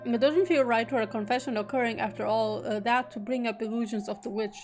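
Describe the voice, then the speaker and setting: A woman's voice: a little high, steady tone, fairly quick, a little mellow, soft background music. A woman streamer reading a visual novel aloud, breaking off now and then into joking casual asides. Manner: reads narration steadily, breaks off into joking asides.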